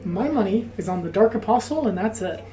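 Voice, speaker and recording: A woman's voice: medium pitch, expressive, brisk, mellow. A woman chatting casually as co-commentator on a tabletop game, muffled by a face mask. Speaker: match co-commentator.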